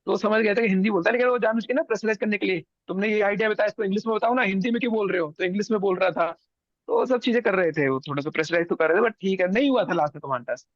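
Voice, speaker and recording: A man's voice: high-pitched, rapid-fire, dry recording, dull audio. A young man from India, a guest on an interview show, telling his story casually and acting out what others said. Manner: animated, acts out others' lines.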